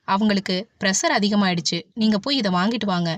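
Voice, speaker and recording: Woman reading as a brisk hospital doctor. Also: high-pitched, fairly bright tone, no room sound. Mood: businesslike. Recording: dull, dry audiobook recording.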